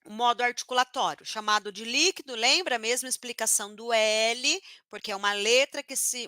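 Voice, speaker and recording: A woman teacher from northern Paraná, Brazil, with a northern Paraná accent, giving a live online phonetics lesson and slowly repeating each sound she demonstrates. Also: a little high, sharp tone, no room sound, clean studio sound. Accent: northern Paraná Brazilian Portuguese.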